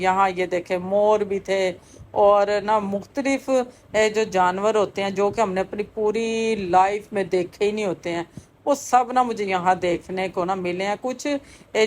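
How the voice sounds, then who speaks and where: A chatty woman, in her middle years, narrates a casual vlog. She talks at mid pitch and leans on fillers as she goes. Faint noise sits behind her voice. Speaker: vlogger.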